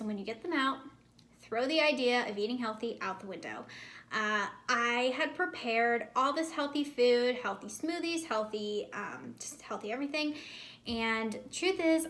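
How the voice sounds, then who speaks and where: With her mouth swollen enough to slightly affect her speech, a young American vlogger chats to camera about pregnancy prep, repeating her advice emphatically. Her voice sounds fairly high with a bit of brightness.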